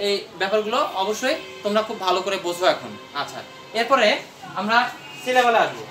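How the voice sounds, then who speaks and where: An English teacher writes on the board while explaining a grammar lesson in class, speaking slowly and frequently posing questions and answering them. The very animated, mid-range voice sounds echoey, with music playing in the background.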